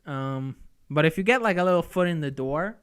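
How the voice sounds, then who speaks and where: A man's voice: fairly high pitch, lively intonation, brisk, clean tone. A young man co-hosting a casual podcast, agreeable and laid back, calling his friend "bro". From Canada. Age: young adult. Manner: agreeable, frequent "bro" and "mm-hmm". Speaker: podcast co-host. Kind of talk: casual chat.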